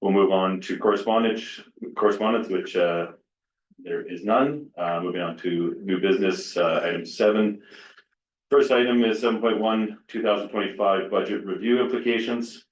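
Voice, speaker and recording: Low-voiced man haltingly chairing, distant and echoey. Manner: halting, hesitant delivery. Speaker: deputy mayor chairing a council meeting. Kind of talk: formal meeting chairing. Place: indoor council chamber. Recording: roomy, distant, dull meeting microphone.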